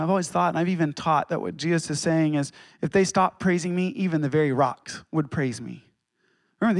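A man preaches a sermon with a fairly high voice. He leans on dramatic pauses and acts out quotes. The sound is dry and close, with little room echo. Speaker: pastor.

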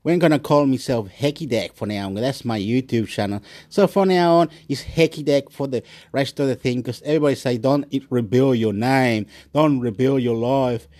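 A man's voice: mid-range voice, moderate pace, hardly any pauses, a little mellow. A man from Chile, vlogging in a rambling, repetitive rant full of swearing. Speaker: YouTube vlogger.

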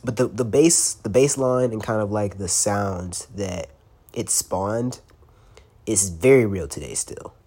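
Sounding congested from a cold, a young man hosts a relaxed solo podcast in loose slang, with lots of swearing and the odd laugh. He speaks slowly in a lowish, warm voice that is slightly rough.

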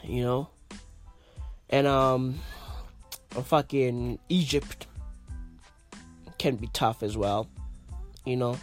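A man's voice: medium pitch, steady tone, very slow, pauses often, soft background music. A man with a blocked-up nose hosting a casual solo podcast from his bed, swearing often and repeating himself in loose slang. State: congested, blocked-up nose and sinuses. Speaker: podcast host.

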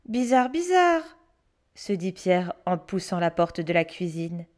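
A woman storyteller reading a children's story aloud, expressive and hushed for suspense. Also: lowish voice, a little slow.

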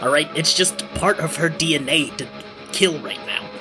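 Exasperated skeleton go-between played by a man, tabletop fantasy, hurried pleading explanations. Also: a little high, sharp tone, soft background music. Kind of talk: in-character tabletop role-play.

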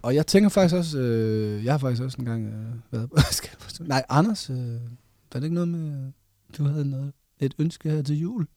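A man co-hosting a casual chat, telling an animated story with plenty of laughs. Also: mid-range voice, dry recording, clean studio sound. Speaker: podcast co-host.

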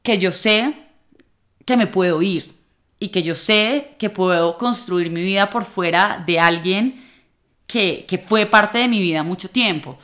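A woman in her late twenties talking reflectively to the camera about relationships, in a relaxed conversational way with fillers and restarts. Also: mid-range voice, a little slow. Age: late 20s. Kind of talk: personal vlog monologue.

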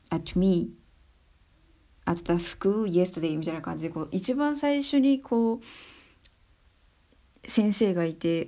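A young adult woman giving her views in a casual spoken monologue, soft and thinking aloud with many fillers. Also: on the low side. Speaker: speaker sharing views on education.

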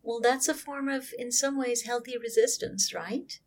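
A woman's voice: on the high side, normal speed. A woman co-hosting a casual podcast, giving thoughtful advice and sometimes searching for words.

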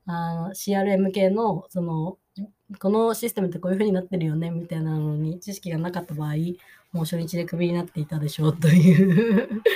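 Husky-voiced woman podcast host. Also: lowish voice, dark tone. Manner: chatty, many fillers, explanatory; quotes English phrases slowly. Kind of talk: casual solo podcast recap.

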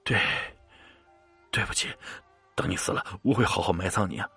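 Greedy young scholar, jittery and stammering, a man acts him; animated pitch. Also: moderate pace, breathy edge, soft background music, full character voice. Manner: stammering, anxious.

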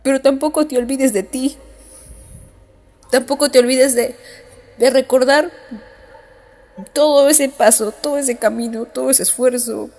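A female podcast host with a high-sitting, creaky voice and darkish tone weeps while speaking on her way home. Her monologue is heartfelt and motivational, circling back to self-affirming phrases again and again.

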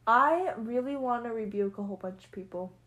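A young woman with a slightly high voice co-hosts a casual chat podcast. She tells her stories in a giggly, animated way and slips into playful little voices. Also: fairly quick. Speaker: podcast co-host.

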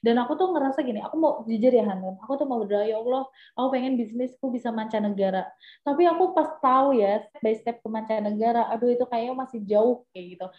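A woman's voice: on the high side, fast talker, few pauses. A young adult woman, a business guest, talking casually and animatedly with lots of fillers. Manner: chatty, animated, with many fillers. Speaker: entrepreneur guest. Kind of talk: casual interview chat. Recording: echoey, dull lo-fi sound.

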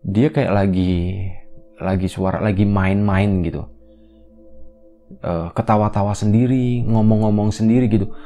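A man casually retelling a horror story as a podcast storyteller, in a relaxed, rambling, conversational way. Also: on the low side, a little slow, long pauses, soft background music.

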